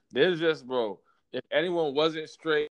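A man's voice: a little high, slight background noise, poor audio. A young American man debating casually in slangy frat-bro talk, swearing and stammering over repeated words.

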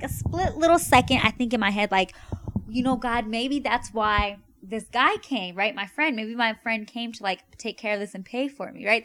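A woman's voice: mid-range voice, sharp tone. A young woman hosting a podcast, telling a personal story in a chatty way, full of "like" and "right?". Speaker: podcast host. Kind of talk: casual storytelling.

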